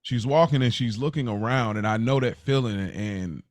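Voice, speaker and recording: A middle-aged American man co-hosts a podcast, chatting casually and earnestly in a conversational way and often repeating words for emphasis. His mid-range voice moves at a moderate pace, with no echo.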